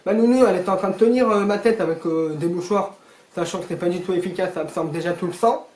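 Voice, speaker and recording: A teenage boy casually telling a storytime vlog, rambling and animated with joking asides to viewers. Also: sits high, fast talker. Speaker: storyteller vlogger. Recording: echoey room.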